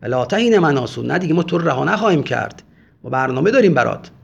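A man's voice: a little high, big pitch swings, creaky, breathy edge. A man giving a religious history lecture, speaking emphatically and often urging listeners to pay close attention. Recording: dull lo-fi recording.

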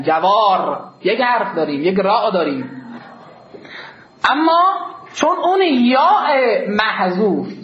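A man's voice: sits high, slight background noise. A man teaching a grammar lesson to a class. He asks the students questions, answers them himself, and draws out the key words. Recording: roomy, dull lo-fi classroom recording.

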